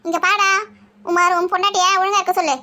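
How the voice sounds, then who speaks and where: A woman playing a nagging shrill mother-in-law. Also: level tone, bright, forceful tone. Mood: scolding. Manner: scolding, taunting, quick retorts. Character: nagging sharp-tongued mother-in-law, middle-aged woman. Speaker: mother-in-law in a family skit. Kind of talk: village family comedy skit.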